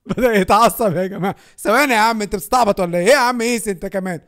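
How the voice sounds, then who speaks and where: A young Egyptian man with an Egyptian Arabic accent, joking and animated as a gaming YouTuber. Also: sits high, rapid-fire. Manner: joking, animated, laughs often. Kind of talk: playful gaming commentary.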